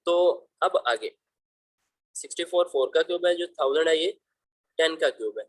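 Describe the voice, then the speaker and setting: A man speaking at normal speed in a fairly high voice patiently explains school math over slides, covering each problem step by step. He calls his students "beta" in a fond, fatherly way. It's a rough recording without room sound.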